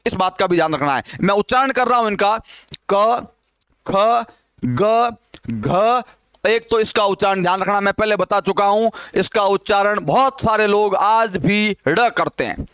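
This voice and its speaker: A middle-aged male teacher with a high, smooth voice takes a class through a Hindi grammar lesson. He puts questions to his students and answers them himself, drawing out the sounds he teaches. The recording is dry and close. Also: brisk, fairly bright tone, dry recording.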